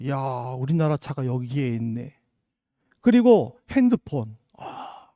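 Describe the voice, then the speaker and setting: A man's voice: a little high, mellow, dry recording, studio quality. A middle-aged man from South Korea, a pastor giving a sermon with earnest storytelling and rhetorical questions. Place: church in Germany.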